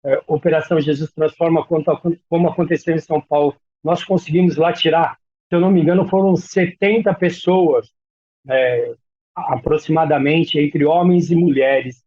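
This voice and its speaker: A man's voice: a little high, steady tone, normal speed, a little mellow, lo-fi sound. A man speaking as a missionary guest in an interview, giving an earnest, testimony-like account. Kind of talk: interview talk.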